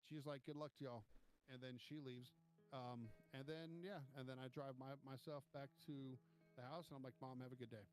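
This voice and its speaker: A man telling a long trip story in casual chat, animated and profane, acting out what people said. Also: mid-range voice, brisk, soft background music. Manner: animated, profane, acts out quotes. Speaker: podcast co-host.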